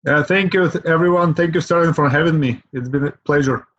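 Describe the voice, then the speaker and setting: A middle-aged Ukrainian real estate investor, a guest on a podcast interview, speaks English steadily and earnestly, moving through his points at a measured pace with fillers and frequent "right?". His pitch is fairly high, and the audio is dry and a bit dull, like a remote call.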